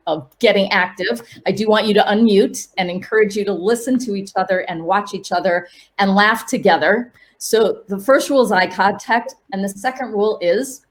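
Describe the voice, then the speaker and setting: A woman laughter coach leading an online workshop, upbeat and coaxing, with sudden high cheers.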